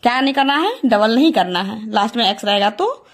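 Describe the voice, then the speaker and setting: A woman's voice: fairly high pitch, lively intonation. A woman teaching English grammar, repeating each rule as a question and answering it herself. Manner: repeats key points as questions to students; slow and deliberate, drawing out rule statements. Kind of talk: classroom lesson explaining verb forms.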